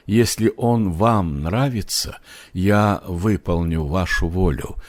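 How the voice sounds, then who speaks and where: A man reading a nonfiction book aloud in a slow, measured way, with proverbs quoted between the passages. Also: low voice. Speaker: audiobook narrator.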